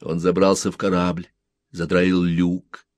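A man narrating an audiobook in a slow, expressive storytelling manner, close to the mic. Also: sits low, dry recording.

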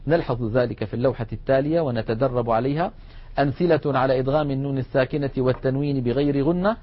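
A man teaching a tajweed lesson, addressing his students as he explains each rule and slowly recites the examples. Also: mid-range voice. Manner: slow drawn-out recitation of examples between explanations; addresses students directly, instructive. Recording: dull lo-fi recording.

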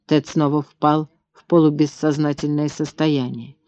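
A man reading an audiobook in steady, tense scripted narration. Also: fairly high pitch, a little slow, no room sound. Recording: dull lo-fi dry recording.

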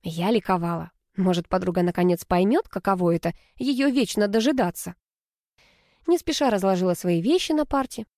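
A woman narrating a first-person novel as an audiobook, in a lively storytelling manner. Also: mid-range voice, moderate pace, dry recording, clean studio sound.

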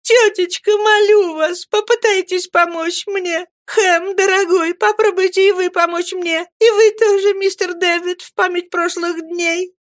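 A woman's voice: fairly even intonation, moderate pace, few pauses, dry recording, studio quality, natural voice. A woman reading an audiobook, voicing a tearful, fragile young woman who pleads through her sobs. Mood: pleading. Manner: sobbing, high and pleading.

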